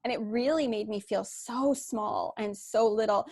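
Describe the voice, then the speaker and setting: A woman's voice: a little high, unhurried, vocal fry, darkish tone, no room sound, studio quality. A woman life coach giving a candid online workshop talk, telling her story with many "you know"s and "like"s over a video call.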